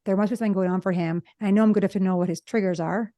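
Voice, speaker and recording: A middle-aged woman, a relationship psychologist, talking fast and telling animated stories in a casual conversation. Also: medium pitch. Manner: fast talker, animated storytelling. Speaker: podcast co-host, relationship psychologist.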